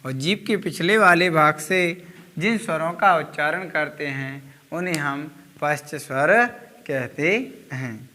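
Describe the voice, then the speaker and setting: Give me a male coaching-class teacher. He talks very slowly, pulling each vowel sound out long and deliberately, and his voice is bright and a little high. The sound has a long hall reverb. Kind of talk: slow spoken grammar lesson.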